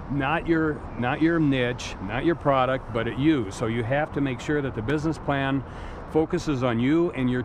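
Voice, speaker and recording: A middle-aged man giving blunt, emphatic business advice in an outdoor interview on a waterfront pier. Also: medium pitch. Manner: blunt, emphatic, repeats words. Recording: outdoor traffic noise behind.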